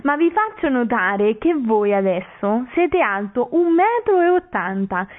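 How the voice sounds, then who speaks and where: A woman's voice: fairly high pitch, big pitch swings, measured pace. A woman playing a flirty naive princess. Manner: sugary and theatrical. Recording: tinny phone-like sound.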